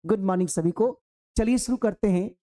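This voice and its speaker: A male teacher gives an online exam-prep grammar lesson in a warm, mellow voice. His voice sits fairly high for a man. He talks straight to his students and repeats key phrases to drive a point home. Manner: explains slowly through a worked example.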